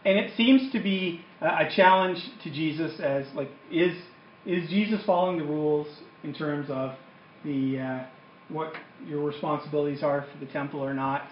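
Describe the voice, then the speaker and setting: A man's voice: fairly high pitch, normal speed, a little hiss or hum. A man, giving an informal, conversational Bible lecture and explaining as he goes. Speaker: Bible teacher. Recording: echoey room, dull lo-fi sound.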